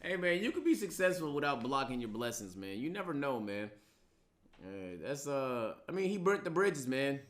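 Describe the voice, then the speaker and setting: A man's voice: medium pitch, sing-song, moderate pace, fairly bright tone. A man casually reacting to a video for his chat, joking and talking in loose slang.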